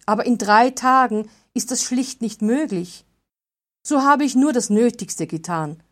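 A woman's voice: a little high, unhurried, voice pushed up. A woman voicing a hesitant, defensive village blacksmith in a read-aloud fairy tale. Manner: hesitant, justifying himself.

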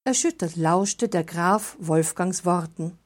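A woman calmly reading a fairy tale aloud as narrator. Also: lowish voice, slow. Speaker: storyteller.

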